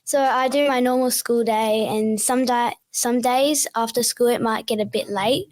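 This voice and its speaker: A woman's voice: on the high side, fairly even intonation, normal speed, a little mellow. A young girl from Perth with an Australian accent, giving short, earnest interview answers. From Perth, Western Australia. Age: child. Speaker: young guest.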